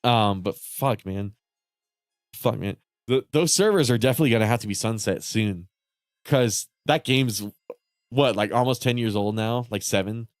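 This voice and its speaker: With faint music behind him, a man with a lowish voice chats at a moderate pace during a game livestream, recorded at studio quality without echo. He sounds nasal and congested, wandering from topic to topic, cursing a lot and laughing in between.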